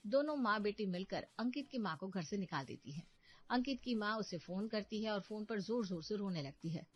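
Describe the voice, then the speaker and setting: A woman giving scripted narration for an animated story, steady and even. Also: medium pitch, normal speed, husky.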